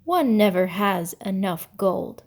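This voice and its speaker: A woman voicing a greedy, excitable king in a storybook myth, exclamatory and dramatic. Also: medium pitch, slow. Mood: eager, greedy.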